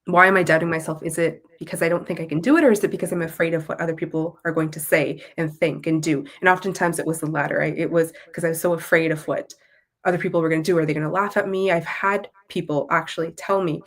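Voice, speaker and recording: Speaking fast in a low, steady voice, she appears as an interview guest. She is a Canadian-accented content creator and Tamil teacher from Toronto whose manner stays thoughtful, articulate, and conversational.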